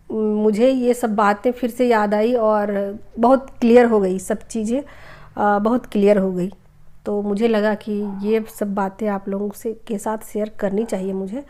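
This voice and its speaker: A middle-aged woman hosting a spiritual healing channel, telling viewers a personal story in a chatty way, repeating herself and filling pauses with hesitations. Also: medium pitch, dark tone. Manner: chatty, repeats phrases, many hesitation fillers.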